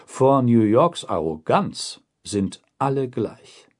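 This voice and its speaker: Slow, husky German documentary narrator. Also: male voice, mid-range voice, sing-song, darkish tone. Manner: measured, deliberate reporting tone. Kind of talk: scripted documentary voice-over.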